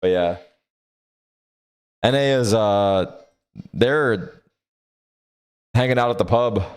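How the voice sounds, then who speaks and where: Male esports co-streamer: unhurried, mid-pitched, casual and slangy, chatting to viewers with some swearing. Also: smooth. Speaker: livestream co-streamer reacting to esports. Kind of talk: casual chat commentary.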